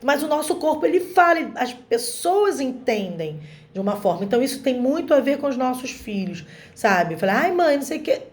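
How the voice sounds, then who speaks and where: A middle-aged woman talking casually to an online group as guest speaker, lively, often acting out quoted family dialogue in other voices. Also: high-pitched, a little fast.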